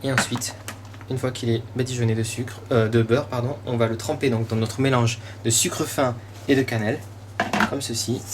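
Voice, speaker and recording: French guy walking you through a recipe, mid pitched voice, chatty and encouraging, noisy kitchen behind him. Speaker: cooking show host. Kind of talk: casual step-by-step recipe demonstration. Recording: clearly noisy room ambience behind voice.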